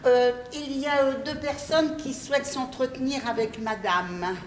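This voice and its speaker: A woman plays a weary housemaid who is tired of being ordered about. She grumbles in a high voice. It sounds like a stage performance in an echoing hall. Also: lively intonation, normal speed, slight background noise. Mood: grumbling. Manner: put-upon, grumbling asides. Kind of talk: amateur stage play performance.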